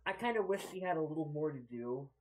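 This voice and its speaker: A man co-hosting a casual movie podcast, giving a measured, critical take and thinking aloud. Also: on the high side, expressive, a crowd in the background, poor audio. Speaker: podcast co-host. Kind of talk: casual movie review chat.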